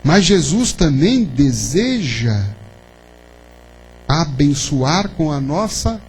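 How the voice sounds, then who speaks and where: In the lecture hall of a spiritist center, a man with a darkish, rather high voice gives a spiritist talk, very animated yet extremely slow. His style is conversational, full of questions to the audience and the tag "né?". Soft background music and a faint hum sit behind the rough recording.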